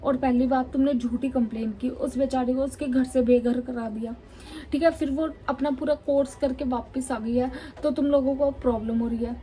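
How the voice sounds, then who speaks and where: Woman vlogger from Chandigarh, indignant storytime delivery, fairly high and mellow. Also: steady tone, moderate pace, a little hiss or hum, low-quality recording. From Chandigarh, India. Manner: indignant, emphatic retelling with many repetitions. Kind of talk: storytime vlog.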